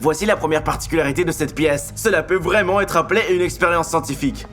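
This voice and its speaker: A man plays a male YouTube experimenter with a notably high voice. He presents science stunts in an explanatory, dubbed vlog style, with music playing behind him. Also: fast, a bit bright, natural voice. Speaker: video host.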